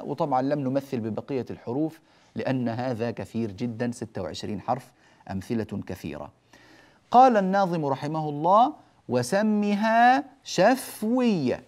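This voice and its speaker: A male teacher explains Quranic recitation rules in a measured, deliberate voice at an average pitch. He stretches out each example slowly and then corrects common mistakes firmly. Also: darkish tone. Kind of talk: televised tajweed lesson.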